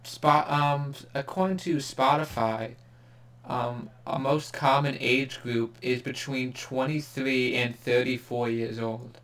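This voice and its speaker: A man's voice: medium pitch, steady tone, takes it slowly, a bit bright. A young man co-hosting a podcast in casual chat, sarcastic and rambling with lots of fillers and laughter. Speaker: podcast co-host.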